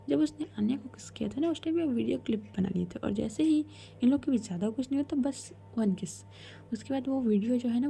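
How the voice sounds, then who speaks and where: A woman's voice: a little high, vocal fry, warm tone. A woman storyteller telling a romance in a casual, chatty way as a whispered role-play, voicing both heroines' lines herself.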